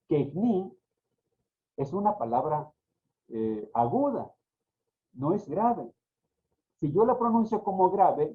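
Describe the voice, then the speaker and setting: A man's voice: on the high side, dark tone. Man explaining pronunciation over tinny audio. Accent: Mexican Spanish. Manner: repeats example words with careful stress contrasts. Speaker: book author presenting his grammar.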